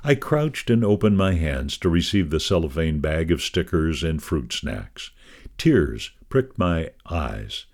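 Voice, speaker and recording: A man giving a measured, expressive scripted reading of a devotional magazine column. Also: very deep voice.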